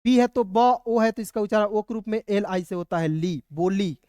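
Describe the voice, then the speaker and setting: A man's voice: high-pitched, normal speed, mellow, clean tone, dry recording. Man teaching spelling, dry close sound. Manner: spells letter by letter, repeats "ठीक है ना". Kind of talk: online lesson.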